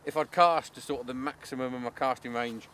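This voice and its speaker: A man's voice: mid-range voice, brisk, slight background noise. Man explaining fishing tips by a lake. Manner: relaxed, practical, explains step by step. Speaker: angling coach. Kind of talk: instructional fishing talk. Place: outdoors at a lakeside fishery.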